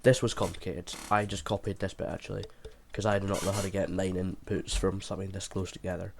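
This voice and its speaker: A man with a low, creaky voice who sounds under the weather talks through a game tutorial informally, working it out hesitantly as he goes. Background noise and keyboard clicks sit behind him. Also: flat delivery, fast. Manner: hesitant, thinking aloud as he explains. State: sick, sounding unwell. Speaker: video creator explaining a game build. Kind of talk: informal tutorial commentary over gameplay.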